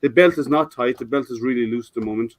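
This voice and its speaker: On his casual live stream, an older man talks fast about his printer, stumbling into restarts and fillers. His medium-pitched voice is a bit scratchy, and there's no room sound.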